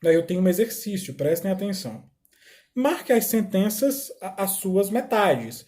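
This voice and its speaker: A Brazilian man teaching a recorded English lesson, explaining slowly, repeating phrases and checking understanding with short "tá?" tags. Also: high-pitched, sing-song, warm tone.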